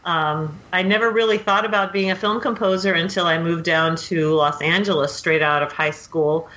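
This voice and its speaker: Woman from oregon, very low voice, bright and forceful tone, earnest with many pauses. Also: fairly even intonation, lo-fi sound. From Portland, Oregon, USA. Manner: earnest, hesitant with fillers. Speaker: film composer guest. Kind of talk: casual interview storytelling.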